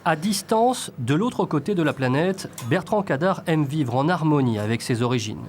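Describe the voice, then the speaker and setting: Male narrator, documentary voice-over, fairly high pitch, noticeable background noise. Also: lively intonation, moderate pace, darkish tone.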